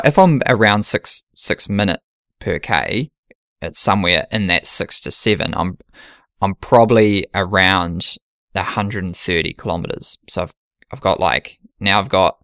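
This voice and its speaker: A man's voice: low-pitched, a little slow, fairly bright tone, no room sound, studio quality. A man in casual podcast chat, planning an ultramarathon and thinking aloud with many restarts.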